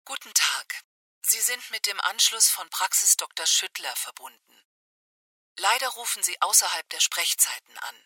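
A woman playing an automated phone menu and answering announcement, speaking in a measured, scripted way. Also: mid-range voice, big pitch swings, bright, forceful tone, husky, dry recording, far from the mic, exaggerated voice. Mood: neutral, formal. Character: female automated voicemail and telephone announcement voice.

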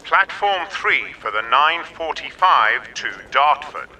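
A man announcing a train and slowly listing its stops in a formal, even way. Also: fairly high pitch, distant mic, rough recording. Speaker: station announcer. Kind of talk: scripted public announcement.

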